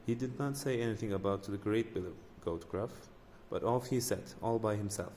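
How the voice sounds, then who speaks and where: A man's voice: on the low side, normal speed, warm tone, long reverb tail, slight background noise. A man reading a folk tale aloud, with frequent slips and restarts. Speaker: storyteller.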